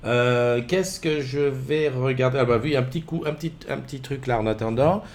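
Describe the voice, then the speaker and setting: A man's voice: mid-range voice, normal speed. A middle-aged man hosting a casual morning live stream from home, rambling with many fillers and greeting viewers by name at a desk mic. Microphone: desk mic with webcams.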